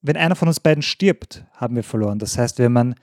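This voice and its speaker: A man's voice: medium pitch, lively intonation, fast talker, a little mellow, no room sound, studio quality. A man co-hosting a podcast, patiently walking his partner through a board game's rules in casual chat and confirming each move. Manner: patient, affirming with short "Jawohl" and "Richtig". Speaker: podcast co-host explaining the game rules.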